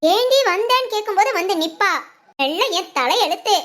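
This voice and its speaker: A woman's voice: extremely high pitch, expressive, normal speed, fairly bright tone. A woman voicing a bitter, scheming older mother-in-law in a cartoon family drama, who grumbles and hurls insults. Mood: bitter lament. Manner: grumbling, scolding lament, full of village insults. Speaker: cartoon voice actor.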